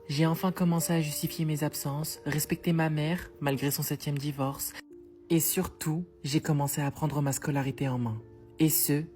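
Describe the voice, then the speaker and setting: A woman reading a mock-sincere letter to her followers in a deadpan, soft manner. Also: sits low. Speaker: comedy creator.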